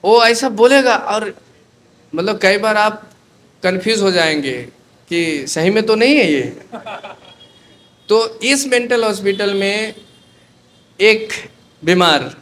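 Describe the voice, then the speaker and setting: High-voiced animated male preacher. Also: slow pace, pauses often, slight background noise. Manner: animated storyteller, mixing in English phrases. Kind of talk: storytelling sermon.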